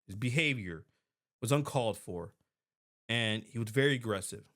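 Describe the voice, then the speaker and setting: A woman with a bass voice hosts a podcast, speaking at a normal speed. Posing as a private security expert, she comments casually on a video clip in an animated, emphatic way, restarting often and laughing frequently.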